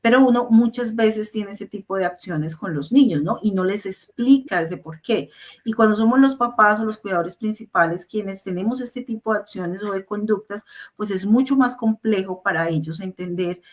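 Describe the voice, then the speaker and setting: A woman's voice: medium pitch, normal speed. A woman in a parenting talk who affirms her guest and then tells her own everyday examples at length.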